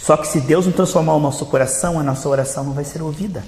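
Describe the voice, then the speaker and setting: Pastor brasileiro enfático em salão com eco. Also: male voice, a little high, very fast, a little mellow, a little hiss or hum. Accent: Brazilian Portuguese. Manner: emphatic, repeats phrases for effect. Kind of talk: sermon. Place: church hall during a service. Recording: reverberant church hall.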